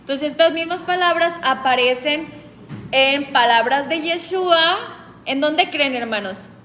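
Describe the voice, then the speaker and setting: A woman leads a group Bible study in a calm, explanatory way, putting questions to her listeners. Her voice sits high and her pace is slow and deliberate. A long reverb and faint background noise hang around her words.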